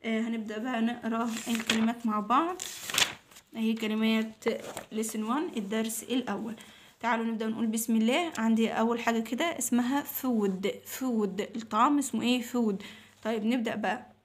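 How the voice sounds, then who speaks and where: A woman with an Egyptian Arabic accent teaching English to young children, patiently repeating each new word slowly several times. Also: on the high side, fairly even intonation, a little hiss or hum. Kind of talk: recorded lesson for young children.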